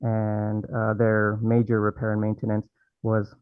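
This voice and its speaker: A man testifying as an assessor at a review board over a video call, halting, with many fillers and restarts. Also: on the low side, completely flat delivery, soft background music. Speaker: city assessor presenting at a hearing. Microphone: remote video call, microphone held close. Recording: tinny video-call audio with faint hiss.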